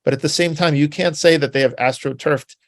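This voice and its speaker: A man with a gravelly, creaky voice talks through history in a loose, rambling way, often checking in with tag questions. His voice is recorded dry and close, with no room sound. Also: a little high, brisk, dry recording. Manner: rambling and conversational with many filler words and tag questions. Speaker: presenter. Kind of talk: informal spoken history talk.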